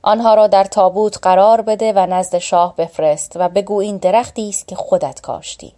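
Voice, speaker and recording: A woman's voice: mid-range voice, fairly even intonation, mellow, close to an everyday voice. A woman reading the lines of a proud young warrior prince in a storybook tale, in a taunting, commanding tone. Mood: stern.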